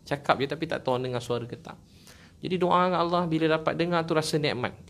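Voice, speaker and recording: A man's voice: on the high side, fast talker, a bit bright. A man with a Malaysian Malay accent preaching to a gathering, telling stories with jokes and acted quotes. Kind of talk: religious talk to a gathering.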